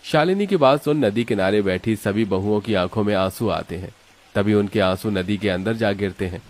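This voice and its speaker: A man narrating a cartoon story in a steady, explanatory storytelling manner. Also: fairly low pitch, normal speed, a little hiss or hum.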